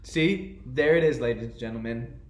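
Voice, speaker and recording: Male podcast co-host, playful needler, animated and mock-indignant, roomy sound. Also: mid-range voice, moderate pace, slight background noise. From New York. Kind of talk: casual podcast banter. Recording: roomy echo.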